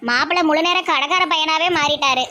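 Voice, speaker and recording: Bright, gushing high-voiced Tirunelveli speaker. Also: a little fast, faint music behind. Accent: Tirunelveli Tamil. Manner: doting, gushing, calls everyone darling. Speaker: comedy sketch performer. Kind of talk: scripted comedy sketch acting.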